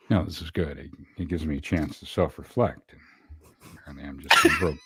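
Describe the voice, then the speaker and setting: A man reading a story aloud with friends, slow and self-mocking. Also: high voice, a bit bright, husky, no room sound.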